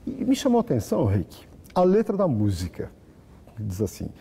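A man's voice: mid-range voice, huge pitch swings, moderate pace, heavy background noise. A middle-aged man with a Brazilian accent, hosting a conversational celebrity interview. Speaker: television host, interviewer. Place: indoor hotel room set up for interview.

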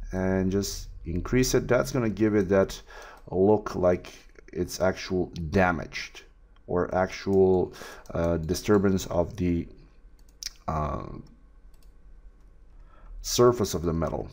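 Male tutor, very deep voice, relaxed screen-capture walkthrough with frequent fillers. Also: takes it slowly, long pauses. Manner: relaxed, with many fillers and restarts. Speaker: 3D art tutor. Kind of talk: screen-recorded software tutorial.

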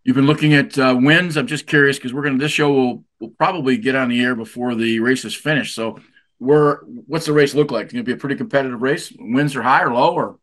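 A man hosts a sailing show in a quick, rapid patter. He chats casually and often repeats words as he gathers his thoughts. His pitch sits in an ordinary middle range. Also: a bit bright. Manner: chatty, repeats words while thinking. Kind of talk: casual interview. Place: marina.

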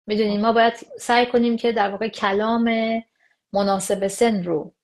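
A woman talking as an expert guest in a conversational show. She explains at length in a casual way. She slips into acted-out dialogue to make her points. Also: mid-range voice. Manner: animated, acts out quoted dialogue. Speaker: psychologist guest.

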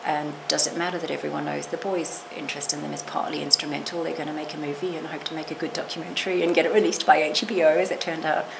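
In a noisy recording from a small lecture room, a seated middle-aged woman, a literature professor, reflects aloud during an interview. Her low-pitched voice stays level and moves quickly with few pauses and some vocal fry. She qualifies her thoughts with restarts and asides.

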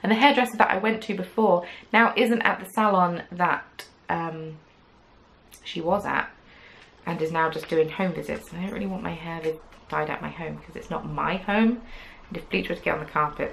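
This knitting podcast host talks yarn in a gravel-edged, lowish voice with a slightly bright tone, at a normal speed. Her casual chat to a desk-distance camera is rambling and chatty, full of "um"s and playful asides, in a small craft room with shelves of yarn. Audio quality is poor, with a little hiss or hum.

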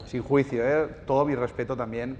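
A man's voice: mid-range voice, steady tone, moderate pace, a little mellow, in a large hall, dull audio, slight background noise. A man giving a live talk, telling stories with irony and asking the audience questions. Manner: storytelling, ironic, asks the audience questions. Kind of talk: live lecture. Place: bookshop event space with audience.

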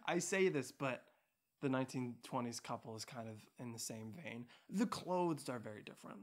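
A man's voice: mid-range voice, expressive, normal speed, long pauses. A young man co-hosting a casual podcast with his partner, joking and rambling with plenty of fillers. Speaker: podcast co-host. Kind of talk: casual couple chat.

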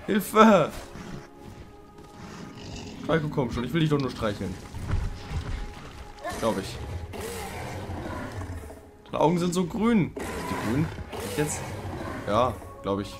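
Male let's player, mid-pitched, chatty and excitable, with game music playing underneath. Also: measured pace, pauses often. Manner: chatty, talks to the game creature, swings between loud pleading and low muttering. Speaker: let's play gamer. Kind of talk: casual gameplay commentary.

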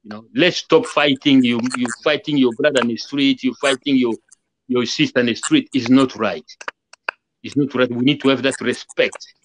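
This guest musician has a mid-range voice with fairly even intonation and a moderate pace. He speaks earnestly in a relaxed video-call interview, repeating points and acting out quoted greetings, and the low-quality webcam recording has slight background noise.

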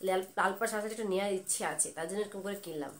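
Fast-chattering young woman vlogger at home. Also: medium pitch, slight background noise. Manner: rapid, chatty, rambling talk. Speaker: lifestyle vlogger. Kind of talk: casual home vlog chat. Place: indoors at home, fan running.

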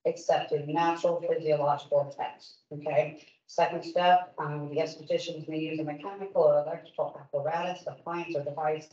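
An Oregon esthetician in her fifties addresses a licensing board during public comment, speaking earnestly and with emphasis in a large meeting room. Her voice is low, dark and steady, and she talks fairly quickly. A distant room mic captures it, so the audio sounds roomy, far off and dull.

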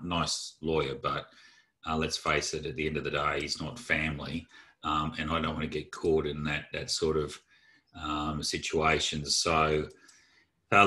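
A man with a very deep, flat-sounding voice presents a training session for advisers, talking to colleagues in a casual, rambling way. He's open and chatty, full of fillers and restarts.

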